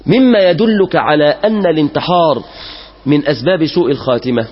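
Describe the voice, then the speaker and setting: A man's voice: a little high, brisk, husky, muffled recording. A man with an Egyptian Arabic accent preaching a Friday sermon, moving between classical Arabic and casual asides with rhetorical questions.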